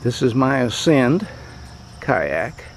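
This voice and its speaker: A man narrating a fishing trip outdoors by a rural creek in a plain, matter-of-fact, unhurried way, speaking into a handheld camera. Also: medium pitch, big pitch swings, creaky, a little hiss or hum. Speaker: fishing vlogger. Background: insects and countryside ambience.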